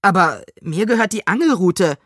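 A woman's voice: medium pitch, animated, moderate pace, fairly bright tone, no room sound, clean studio sound. A woman voicing an anxious, boastful young boy in a storybook reading, worried and insistent.

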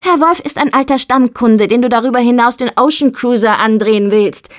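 Woman doing a sassy stubborn young woman in an audiobook, higher and sharper. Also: a little fast, close to an everyday voice. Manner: snippy, stubborn, sarcastic. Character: sharp-tongued defiant young woman, boat builder's daughter.

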